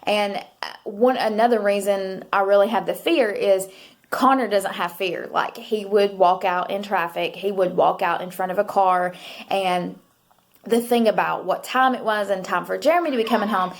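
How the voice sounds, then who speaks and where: A woman's voice: mid-range voice, normal speed. A young adult woman, chatting to camera as she tells a story, rambling with many fillers and asides. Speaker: mother and vlogger.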